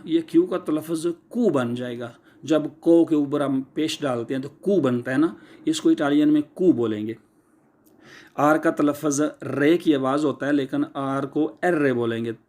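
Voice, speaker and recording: A man whose first language is Urdu teaches Italian pronunciation in a relaxed, patient way, drawing each sound out and repeating it. His voice sits a little high for a man. He ends many points with a quick check-in word. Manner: slow, repeats each sound, tags lines with "theek hai". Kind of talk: casual spoken lesson explaining pronunciation.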